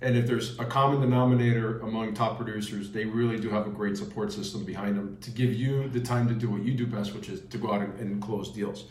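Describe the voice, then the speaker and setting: A man's voice: fairly low pitch, fairly even intonation, fast talker, hardly any pauses, a little mellow. A man hosting a conversational interview, affirming his guest and recapping what was said. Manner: affirming, recaps answers back. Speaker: interview show host. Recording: echoey room.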